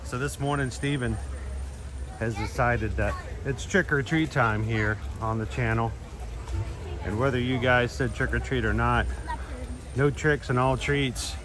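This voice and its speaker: A man hosting a casual live stream outdoors, with a speech impediment that makes his R sounds come out soft. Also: medium pitch, steady tone, a little slow. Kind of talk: casual livestream chat. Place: outdoors in an animal theme park. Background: music, outdoor park.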